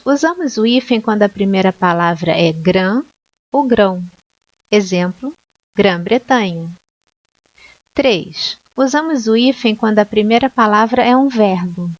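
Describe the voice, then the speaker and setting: A woman's voice: medium pitch, animated, a little slow, dry recording, lo-fi sound. A woman teaching a Portuguese grammar lesson, spelling out letters and repeating each example word with little check-in questions. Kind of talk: slow, deliberate grammar lesson.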